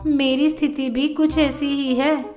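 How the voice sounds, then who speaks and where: A woman's voice: high-pitched, little pitch movement, unhurried, a little mellow. A woman voicing a naive, bumbling young daughter-in-law who keeps hatching business plans in a cartoon story. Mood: musing. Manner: innocent, bumbling. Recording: roomy echo with faint music.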